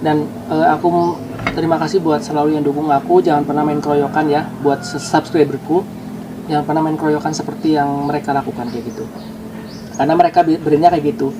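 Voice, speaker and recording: A man's voice: on the high side, little pitch movement, a little fast, noisy background. A man talking to his viewers in a casual vlog, explaining himself defensively. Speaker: YouTuber.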